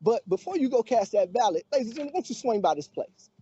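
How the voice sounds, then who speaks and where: Husky, preacherly man hyping a live event. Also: very high voice, big pitch swings, fast, mellow. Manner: preacherly, calls out to the crowd. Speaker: community organizer. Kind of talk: live promo hype. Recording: dry, dull lo-fi sound.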